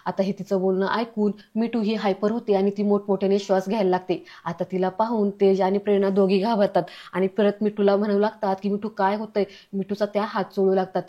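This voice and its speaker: A serial recap narrator with a warm, medium-pitched voice retells a TV episode, speaking a little fast with few pauses and little pitch movement. She reads the characters' dialogue in her own voice, barely altering it, and the recording is dull and lo-fi.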